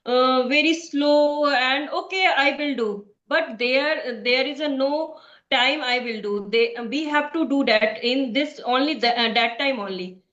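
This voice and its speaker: A woman's voice: high-pitched, a little slow, a bit bright. A woman from Bihar with an Indian accent, practicing English in a casual conversation and speaking hesitantly with many fillers and restarts. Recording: echoey, dull lo-fi sound.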